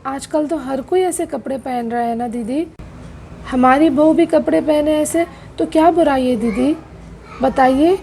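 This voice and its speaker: A woman voicing a gentle middle-aged mother who pleads and keeps the peace in a doll-play soap drama. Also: high voice, unhurried, creaky, slight background noise, low-quality recording.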